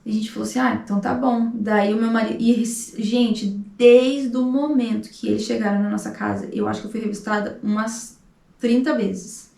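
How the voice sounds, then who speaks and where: In an echoey room and far from the mic, a Brazilian Portuguese-accented vlogger in her thirties shares a personal story with emotion, acting out the dialogue. Her voice is on the high side, gravelly yet mellow, brisk, with fairly even intonation.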